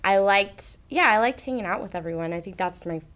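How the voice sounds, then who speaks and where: A woman's voice: medium pitch, fairly quick, a bit bright, smooth. A woman, a cast member, chatting playfully and joking with her co-stars on a podcast. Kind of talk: casual podcast chat.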